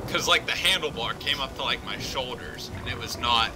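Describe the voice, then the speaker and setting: A young man talking through a co-op game, laid-back and rambling with a self-amused edge. His mid-pitched voice carries a steady background hiss from a home mic. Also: normal speed. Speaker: co-op gameplay commentator. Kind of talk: casual gaming banter.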